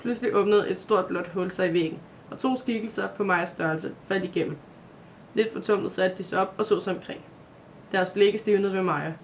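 A reader narrating a dramatic fantasy Christmas calendar story for children, in a steady, scripted storytelling voice. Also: medium pitch, a little hiss or hum.

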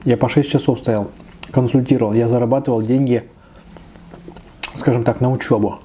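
A man's voice: medium pitch, fairly even intonation, normal speed, mellow, a little hiss or hum. A man in his thirties doing a casual mukbang, chatting between bites with his mouth full. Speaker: mukbang eating-show host. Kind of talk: casual mukbang chat while eating. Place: small indoor room, seated at a table.

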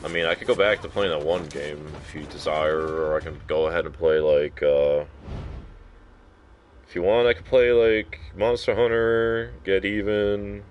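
Deep-voiced man streaming a game, swearing. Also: normal speed, muffled recording, slight background noise. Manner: nervous, profane, chatting directly to a viewer. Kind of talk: casual live gameplay commentary.

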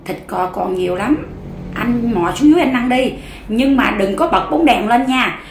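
A woman with a Southern Vietnamese accent voicing a young wife who gives her husband quiet instructions. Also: on the high side, animated, normal speed, reverberant, a little hiss or hum, lightly acted. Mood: hushed.

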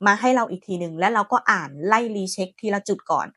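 Chatty woman teaching software. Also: medium pitch, quick pace, no echo, clean studio sound. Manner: friendly, chatty, calls viewers friends. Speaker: AI tutorial host. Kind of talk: screen-recorded software tutorial.

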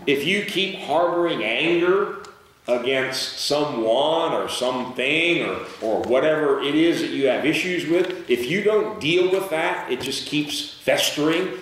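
A male pastor delivering a sermon at an unhurried, deliberate pace, reading scripture aloud and drawing answers from the congregation. His voice rings through a very echoey church hall and is picked up by a mic set some way off. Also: on the high side, lively intonation, a bit bright, far from the mic, slight background noise. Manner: reads scripture slowly and asks the congregation to call out words. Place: church sanctuary.

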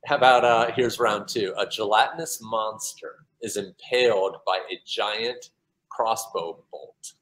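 A man's voice: on the low side, unhurried, fairly bright tone, low-quality recording. A man interviewing a fellow author in a casual, playful way, laughing often. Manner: upbeat, playful questioner who laughs often.

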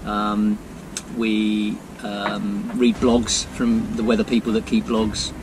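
An older man, a sailor, answering interview questions in a measured, practical way from a boat cockpit. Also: lowish voice, monotone, noisy background. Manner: measured, practical, with filler pauses. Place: boat cockpit under canopy, outdoors.

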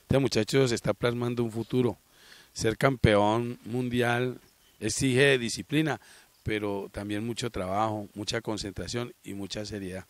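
A man's voice: fairly low pitch, fairly even intonation, measured pace, no room sound. A middle-aged man, a local TV reporter interviewing outdoors with a handheld mic, earnest and moralizing. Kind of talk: TV interview and commentary. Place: outdoors by a sports ground.

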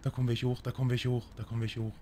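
A man in his thirties role-playing in a video game, urgent and excitable, often repeating his words. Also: medium pitch, rapid-fire. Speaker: streamer playing a crime role-play game. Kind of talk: improvised in-game role-play. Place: indoor streaming room. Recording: faint game noise.

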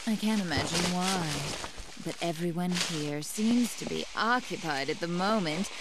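A woman's voice: lowish voice, unhurried. A woman voicing a sly plant villainess in a video game, coolly mocking in a coy, mock-sweet way. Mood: coy mockery. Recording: heavily noisy game audio.

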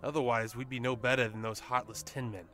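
A man's voice: mid-range voice, little pitch movement, a little fast, pushed and bright, faint music behind, voice pushed up, lightly acted. A man voicing a wry, confident male gang leader with a dry, teasing manner in an audiobook. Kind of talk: audiobook character voice.

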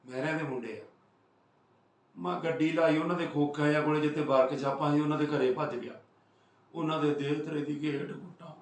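Man, from Punjab, casual storytelling vlog, animated, echoey room, distant mic. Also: on the high side. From Punjab, India. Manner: animated, acts out other people's words with swings between loud and hushed. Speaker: vlogger telling a road story. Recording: roomy sound from a distance.

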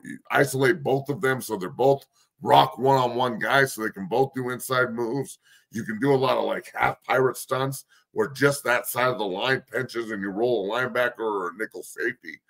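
A man's voice: medium pitch, fairly bright tone. A man hosting a sports talk show, breaking down football schemes in a blunt, profane, coach-like way while losing his voice.

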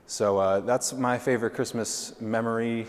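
A man's voice: medium pitch, steady tone, normal speed. A young man on the production staff, reminiscing unhurriedly with many fillers in a large indoor hall on a lapel mic. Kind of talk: casual reminiscing to camera. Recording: reverberant hall with faint hiss.

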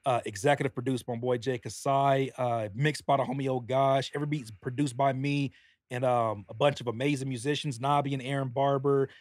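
A man's voice: medium pitch, steady tone, fairly quick, dry recording, clean studio sound. A man, a rapper and producer guesting on a podcast, earnestly and animatedly explaining his album pre-order bundle. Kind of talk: casual podcast chat.

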